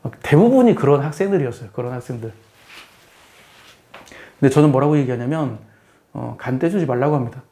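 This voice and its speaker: Here a middle-aged male math teacher lectures casually, explaining things plainly in a warm, expressive, mid-range voice. He talks a little fast yet leaves long pauses, often repeating himself and asking the listener questions.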